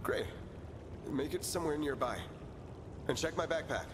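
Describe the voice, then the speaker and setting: An actor playing a calm outdoorsy man who reassures his friends in a video game. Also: on the high side, normal speed, background noise, lightly acted.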